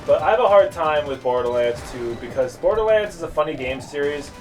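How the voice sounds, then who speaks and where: A man's voice: on the high side, lively intonation, a little fast, a little mellow, distant mic, soft background music. A young man chatting casually while playing a video game, rambling and joking with lots of fillers. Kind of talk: casual gameplay chat.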